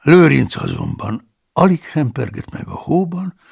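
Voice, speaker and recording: A man narrates a first-person audiobook with a very gravelly, husky voice. His pitch sits fairly high and moves in lively swings as he reads.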